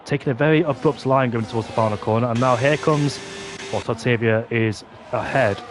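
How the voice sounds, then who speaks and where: A man's voice: medium pitch, brisk. Male motorsport commentator over engine noise. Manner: excitable play-by-play, exclaiming at on-track action. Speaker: esports racing commentator. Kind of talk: motorsport commentary of an online sim racing league.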